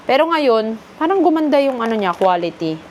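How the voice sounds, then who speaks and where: A woman's voice: a little high, sing-song, a little fast, a little mellow, slight background noise. A woman from the Philippines chatting casually through a haul vlog, switching freely between Filipino and English. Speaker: vlogger.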